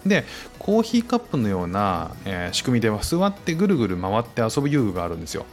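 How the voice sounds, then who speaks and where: A man in his thirties, a stay-at-home dad, hosting a casual podcast alone at a close mic and reflecting gently on parenting, with lots of fillers. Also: on the low side, huge pitch swings, fast talker, soft background music. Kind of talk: casual spoken-word podcast monologue.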